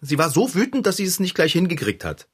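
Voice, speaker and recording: A man playing an indignant young male friend who tells his grievance animatedly, with big jumps in pitch. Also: huge pitch swings, fast, breathy edge, exaggerated voice.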